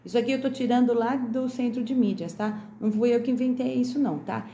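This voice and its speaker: A woman teaching young children remotely, with a Brazilian Portuguese accent, slowly sounding out each word. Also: fairly high pitch, warm tone, echoey room, slight background noise. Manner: slow, over-articulated sounding out of words for children. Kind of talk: remote classroom lesson.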